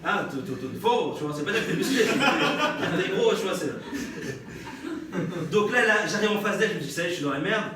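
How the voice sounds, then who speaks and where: Very animated and a little fast, a young French-accented comedian tells stories on stage, bantering with the audience and laughing frequently. He has a high voice. The echoey live room, distant mic and crowd noise are all evident.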